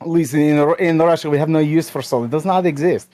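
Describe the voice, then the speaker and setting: A man voicing a boastful Russian male racing driver with a mock Russian accent and broken English, bragging deadpan over a voice call. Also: on the high side, a little fast, lightly acted. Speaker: guest driver.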